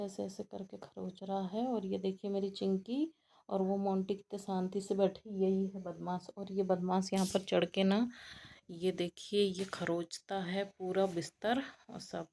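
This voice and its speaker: A woman's voice: gravelly, warm tone. Female home vlogger, casual and chatty, tired, pet-doting. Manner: coos at her rabbits in a high sing-song voice; chatty, addresses viewers as friends.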